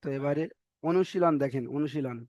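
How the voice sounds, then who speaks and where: A man teaching a recorded class on reading the Quran, spelling out letters one by one and stretching vowel sounds slowly, patient and repetitive as he checks that students follow. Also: a little high, a little mellow, no room sound, lo-fi sound. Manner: patient, repeats each example and checks understanding.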